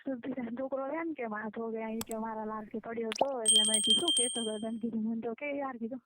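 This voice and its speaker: A young woman with a rural Gujarati accent gossips casually on a private phone call, asking lots of questions and retelling conversations as quoted back-and-forth. She talks fast in a fairly high, steady voice, and the muffled, band-limited call recording is very noisy.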